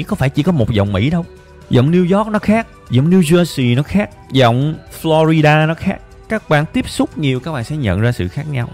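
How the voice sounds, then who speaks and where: A man's voice: medium pitch, a little mellow. A man, teaching an English listening method in an emphatic, coaxing way, speaking straight to viewers. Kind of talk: lively motivational lesson.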